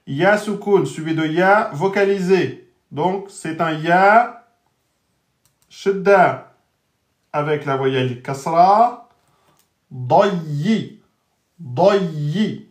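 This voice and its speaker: A man teaching Arabic letters in a live online lesson, spelling out each letter and vowel and repeating every word slowly. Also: fairly high pitch, reverberant. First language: French speaker teaching Arabic.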